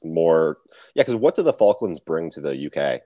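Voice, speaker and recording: A man's voice: rumbling low, sing-song, normal speed, mellow, no room sound, clean studio sound. A young man co-hosting a casual podcast, chatting about history and joking with his co-host. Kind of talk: casual chat.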